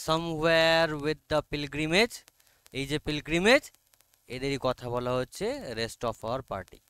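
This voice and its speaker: A man's voice: mid-range voice, a bit bright, clear, resonant tone, dry recording. A man teaching an online class with a Bengali accent, explaining an English text line by line and often checking whether students follow. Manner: coaxing, repeatedly checks understanding, reads English lines very slowly.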